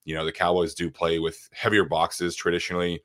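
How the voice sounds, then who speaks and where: A man's voice: sits low, level tone, brisk, fairly bright tone. A young man hosting a casual sports podcast, congested and nasal from a cold, rambling loosely with many restarts. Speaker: podcast host.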